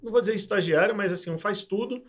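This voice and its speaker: A man from in his forties, speaking. He talks in a reflective, hesitant way, filling pauses as he recalls his path. His voice sits a little high. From Pernambuco, Brazil. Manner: reflective, hesitant with many fillers. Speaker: guest, cybersecurity sales professional. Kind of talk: casual interview talk.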